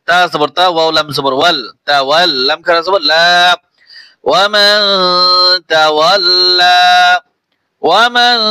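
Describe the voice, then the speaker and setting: A man's voice: a little high, bright, forceful tone, clear, resonant tone, no echo. A man teaching Quran reading, spelling each syllable out letter by letter and then reciting the verse in a melodic chant.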